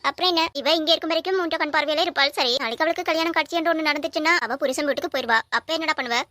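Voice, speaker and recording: A woman playing a sharp-tongued, teasing middle-aged mother in an audio drama, bantering and scolding. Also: high-pitched, rapid-fire, dry recording.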